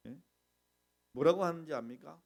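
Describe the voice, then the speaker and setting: A middle-aged man preaching a sermon as pastor, animated, asking the congregation questions and acting out complaints. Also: on the high side, moderate pace, creaky.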